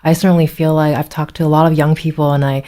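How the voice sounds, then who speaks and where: Very low-pitched woman interviewer. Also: flat delivery, fast talker, mellow. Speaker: radio interviewer, host. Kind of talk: conversational public radio interview.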